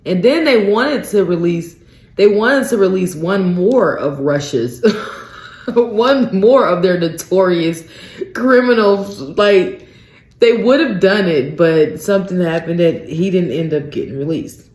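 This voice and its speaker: Slow-talking, incredulous woman radio host. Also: on the low side, animated, darkish tone. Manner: incredulous ranting, peppered with "you guys" and "um". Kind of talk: solo radio talk commentary. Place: radio studio. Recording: roomy, echoey studio sound.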